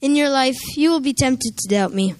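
A young woman playing Jesus in a church play, speaking calmly and reassuringly in recited lines. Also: high voice, normal speed, natural voice. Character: Jesus, calm gentle male savior.

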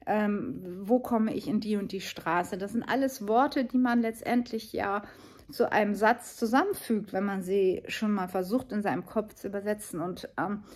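A woman in her fifties chats through a travel vlog with an earnest tone. She keeps restarting her sentences and reaching for fillers as she talks. Her voice sits in a middle pitch. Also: normal speed, darkish tone. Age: 50s. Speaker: vlogger. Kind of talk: casual travel vlog monologue.

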